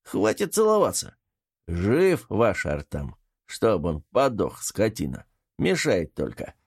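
A man's voice: lowish voice, lively intonation, normal speed, a little mellow. A man voicing a sneering man who mocks others theatrically in an audiobook reading. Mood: irritated. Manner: mocking, theatrical.

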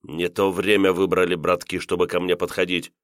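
A man's voice: sits low, little pitch movement, fairly quick, fairly bright tone, no room sound, clean studio sound. A man narrating a first-person audiobook in a terse, tense manner.

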